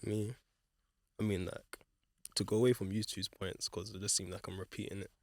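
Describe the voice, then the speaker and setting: Flat low-voiced young man. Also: normal speed, no echo. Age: 20s. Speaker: podcast guest. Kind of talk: casual group chat.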